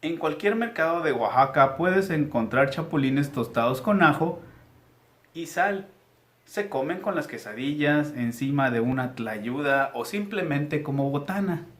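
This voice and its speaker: A man's voice: fairly high pitch, lively intonation, a little slow, a bit bright. A male teacher, reading aloud to young pupils in a patient, guiding way. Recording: echoey room.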